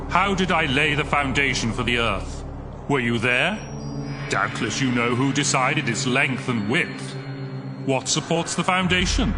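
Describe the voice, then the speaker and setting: A man's voice: medium pitch, lightly acted. An actor playing a stern, almighty God in a dramatized audio Bible, solemn and commanding as he challenges a mortal. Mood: stern, majestic. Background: music under the voice.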